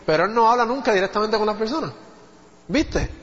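A man's voice: sits high, animated, brisk, a bit bright. A man preaching a sermon, teaching from the Bible in a conversational way and often turning to his listeners with questions. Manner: conversational Bible teaching, asks the congregation "¿viste?". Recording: dull audio with long hall reverb.

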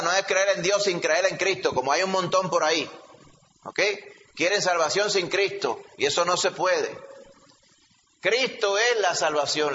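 A man preaches in a fairly high, forceful, bright voice, teaching emphatically and constantly checking that his listeners follow. His voice rings through a reverberant hall, captured with a slightly dull, muffled quality and a faint hum underneath. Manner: emphatic teaching, frequent checking questions to the congregation. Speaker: pastor. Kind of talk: sermon.

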